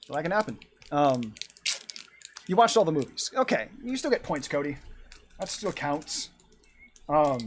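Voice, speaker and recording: Speaking at a medium pitch, this twenty-something man chats casually while drawing, rambling and laughing a lot during his live art stream. A slight hiss or hum sits under the audio.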